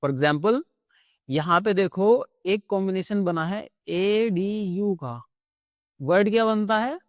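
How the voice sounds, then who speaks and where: A man teaching phonics in a patient classroom manner, pausing often to check in before he moves on. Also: high-pitched, dry recording, studio quality. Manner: patient, repeats "theek hai" between points. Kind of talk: classroom-style phonics lesson.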